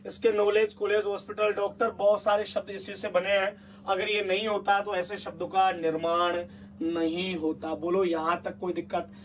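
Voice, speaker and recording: Male teacher with a high voice, chatty exam-prep lesson, keeps checking the class, mic a bit distant. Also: level tone, normal speed, slight background noise. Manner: chatty, coaxing, asks the class repeated check questions.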